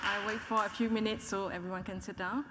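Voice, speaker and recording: A woman from Burma, in her thirties, giving a measured, clear conference talk to an audience. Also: mid-range voice, level tone, very noisy. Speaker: conference speaker. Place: conference hall. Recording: hall reverb, conference room.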